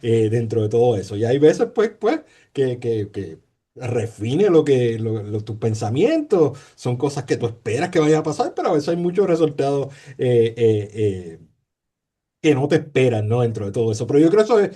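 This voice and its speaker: Very animated at a normal pace, this man has a mellow, mid-range voice with a breathy edge. He's a Puerto Rican sociologist with a Puerto Rican Spanish accent, a guest in a conversational interview who hesitates often, using many fillers, repetitions and tag questions.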